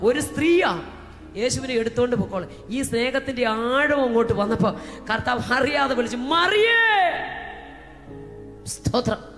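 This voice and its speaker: A woman preacher from Kerala giving a fervent Pentecostal sermon. She swings between shouting and hushed talk and breaks into speaking in tongues. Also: on the high side, brisk. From Kerala, India. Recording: echoey hall with faint music.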